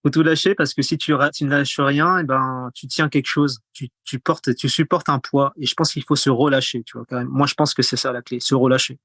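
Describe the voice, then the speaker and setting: Male podcast guest, mid-pitched, rambling casual speech, very dry recording. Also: steady tone, fairly quick, hardly any pauses, fairly bright tone, dry recording. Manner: rambling, repeats words, frequent fillers. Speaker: podcast guest, content creator. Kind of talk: casual conversational interview.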